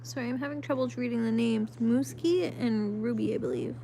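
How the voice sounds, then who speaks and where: A woman's voice: on the high side, fairly quick, warm tone, slight background noise. Chatty woman in her thirties livestreaming. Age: 30s. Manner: rambling and apologetic, lots of "um"s. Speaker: livestream host. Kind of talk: casual late-night live-stream chat, reading viewer comments. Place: at home at night, lit by a flashlight. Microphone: phone camera held close.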